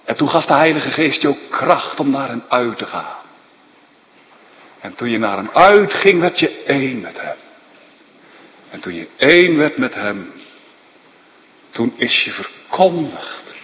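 Slow preacher guy, sermon in a big echoey church, voice climbs way up on the big words then goes quiet. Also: medium pitch, very animated, highs cut off. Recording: long church reverb.

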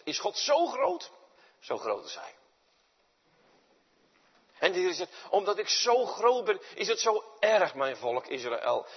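Male preacher, lively delivery, slightly husky voice, echoing church hall. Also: mid-range voice. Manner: dramatic swings from loud to near-whispered. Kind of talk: sermon. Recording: dull sound with long reverb in a large hall.

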